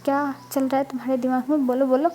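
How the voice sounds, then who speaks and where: A woman's voice: high-pitched, flat delivery, fast, mellow, slight background noise, natural voice. A woman voicing a playful young man who teases and needles his friend, in a storybook reading. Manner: teasing, needling.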